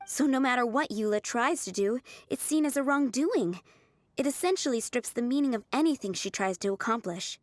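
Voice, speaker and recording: A woman playing a kind, earnest young restaurant server in a video game, gentle, measured and polite. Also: on the high side, animated, no echo, lightly acted. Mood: earnest, sympathetic.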